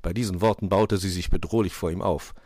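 A man narrating a children's fairy-tale audiobook in an expressive storytelling manner. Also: low voice, fairly quick, no room sound, clean studio sound.

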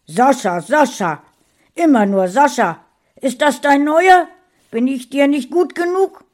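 A woman's voice: high-pitched, lively intonation, slow, pitched above the performer's own voice. A woman reading a storybook voices an angry, jealous husband who gives orders. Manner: loud, domineering.

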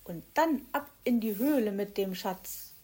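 A woman's voice: medium pitch, animated, a little slow, darkish tone. A woman voicing a small, cheeky blue bird who teases the others with ghost noises. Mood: spooky teasing. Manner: teasing ghostly hooting.

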